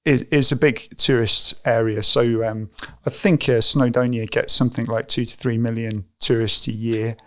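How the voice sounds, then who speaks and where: Thoughtful yet hesitant, a pastor with English as his first language works through interview questions in a conversational setting, full of fillers and restarts. His medium-pitched voice is a bit bright, with fairly even intonation, a normal pace, and hardly any pauses.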